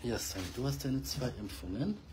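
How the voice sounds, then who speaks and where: A man's voice: mid-range voice, sing-song, normal speed, darkish tone, slight background noise. A man filming the cats on his balcony for a casual vlog, talking fondly to viewers and the kittens, scolding the rowdy ones. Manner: fond, chatty, talks baby-talk to kittens and scolds them. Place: balcony outdoors.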